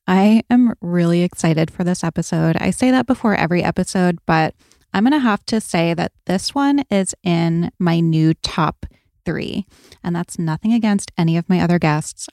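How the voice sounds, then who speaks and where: A woman hosts a podcast in a sleepy morning voice. It sits on the low side and has plenty of fry. The delivery is casual and chatty, recorded close and dry. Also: warm tone, no room sound. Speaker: podcast host. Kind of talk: casual podcast intro chat.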